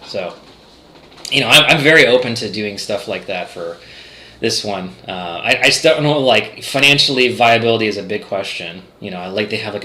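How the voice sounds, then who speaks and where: A man chats loosely with his viewers while streaming from home, full of fillers and restarts. His voice is bright and forward. The room gives it a noticeable echo. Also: fairly low pitch. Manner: rambling, many fillers and restarts. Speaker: game developer streamer. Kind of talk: casual livestream chat reading chat.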